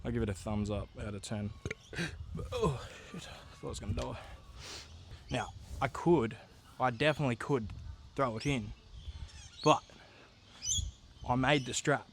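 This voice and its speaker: An amateur motocross racer vlogs about his day, talking casually to camera in a laid-back, slangy, sweary style. His medium-pitched voice is creaky and a little slow, with frequent pauses, against noisy outdoor engine and vehicle sounds.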